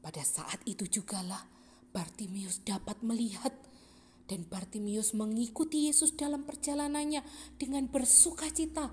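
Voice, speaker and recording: Lady telling a bible story to kids, lively, kinda high voice. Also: moderate pace, a little hiss or hum. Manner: lively, expressive narration. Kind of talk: storytelling for children.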